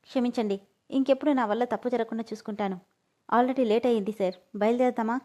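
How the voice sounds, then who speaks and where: A woman's voice: fairly high pitch, fairly even intonation, quick pace, warm tone, lightly acted. A woman reading the lines of an innocent, earnest young female employee in a storybook reading. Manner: polite, earnest.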